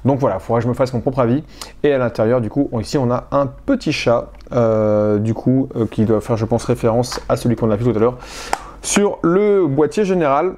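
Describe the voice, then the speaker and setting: A man's voice: medium pitch, fairly quick, a little mellow. A man from France talks through his film collection in a casual vlog, hesitant, with many fillers and restarts. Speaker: collector showing his purchases.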